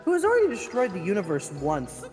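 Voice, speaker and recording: A man's voice: sits high, huge pitch swings, fast, over music. A man using a cathedral reverb voice mod while playing a stern mock prosecutor in an improvised trial roleplay. He stammers and repeats words as he scolds.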